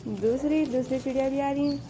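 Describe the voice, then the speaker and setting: This woman's high voice is brisk with fairly even intonation as she gives casual vlog commentary. Outside amid noisy ambience, she feeds her birds and pets, coaxing and speaking fondly to them.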